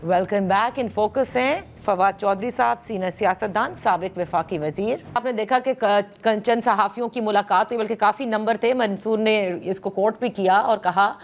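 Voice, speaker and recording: A woman hosting a political talk show, asking measured questions with frequent hesitations. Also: medium pitch, soft background music.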